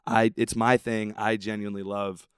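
A man's voice: lowish voice, level tone, normal speed, clean tone, dry recording. A man, a podcast guest telling candid, self-deprecating stories. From Southern California. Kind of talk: casual interview.

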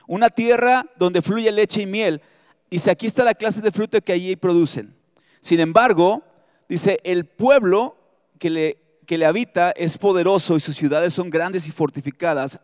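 A man preaching a sermon as pastor, reading scripture aloud and breaking in with lively, joking asides. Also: high voice, dry recording, clean studio sound, long reverb tail. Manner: expressive, reads scripture aloud with asides and humor.

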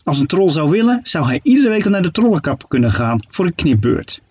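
Expressive male children's storyteller, husky. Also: fairly high pitch, brisk, no room sound, highs cut off. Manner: playful, expressive storybook narration.

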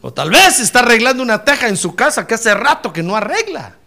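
A man preaches with a high, gravelly voice that swings widely in pitch. His tone is bright and fervent, and he keeps turning to his congregation as "brother.". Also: big pitch swings, a little fast. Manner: fervent, calls listeners brother. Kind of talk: sermon.

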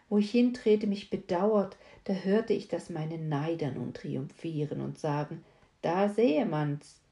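A woman giving a dramatic reading of a classic novel in the first person, moving between fervent outbursts and hushed whispers. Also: on the low side, creaky. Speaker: audiobook reader. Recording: echoey room.

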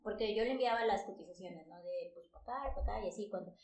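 A woman with a Mexican accent, a travel agency head and podcast guest, telling lively stories in casual chat, full of fillers like "o sea" and "pues". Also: mid-range voice, fast. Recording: roomy echo.

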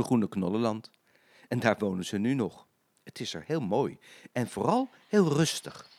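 An older man, a grandfather, reading a children's story aloud in an expressive, sing-song way. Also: lowish voice.

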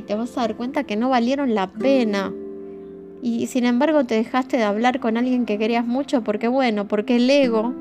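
A woman podcast host with a Rioplatense Spanish accent, speaking in a heartfelt, emotional way and addressing her listeners directly. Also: a little high. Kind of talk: reflective podcast monologue. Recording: music playing behind the voice.

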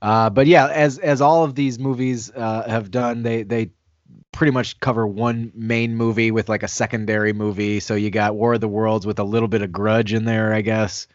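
A man co-hosting a casual movie podcast, easygoing and quick to laugh, on a video call. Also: lowish voice, flat delivery, no room sound, highs cut off. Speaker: podcast co-host. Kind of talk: casual chat.

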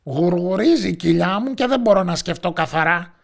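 Storybook crow, gravelly and husky, sing-song squawking. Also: male voice, high-pitched, expressive, pitched above the performer's own voice, heavily acted. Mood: nosy. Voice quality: gravelly, raspy croak. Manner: squawking, drawn-out questions. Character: croaking crow, nosy and hungry. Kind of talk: storybook character voice.

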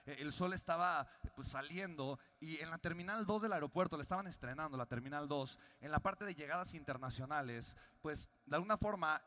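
A young Mexican man with a Mexican Spanish accent, a podcast host telling a personal story and acting out the voices of the people in it. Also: on the high side. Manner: animated storyteller, acts out quoted voices. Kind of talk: storytelling monologue. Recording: long reverb on the voice.

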